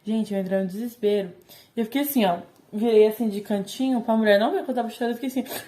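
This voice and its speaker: Casting: teen Brazilian vlogger girl, mellow and warm, lively storyteller who acts out quotes. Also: mid-range voice, fast talker. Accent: Brazilian Portuguese. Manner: chatty, animated retelling with quoted dialogue. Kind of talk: casual storytelling to camera.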